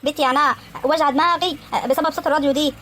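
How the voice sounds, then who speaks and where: A woman's voice: high-pitched, steady tone, rapid-fire, a bit bright, slight background noise. A woman voicing a bossy pregnant stepmother in a cartoon, nagging and ordering the girl around.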